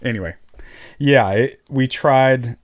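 A man's voice: mid-range voice, takes it slowly. Man in natural, unscripted casual chat. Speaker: podcast guest.

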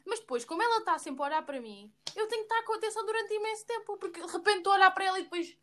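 A young woman with a European Portuguese accent in casual chat with a friend, quick and animated, often talking over her. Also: extremely high pitch.

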